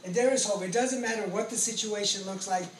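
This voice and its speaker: A pastor and ex-convict preacher, an American man in his late forties from California, delivers a testimony sermon. His high voice moves fairly quickly, earnest and emphatic, often repeating phrases. The recording is roomy and echoey, with a distant mic and background noise.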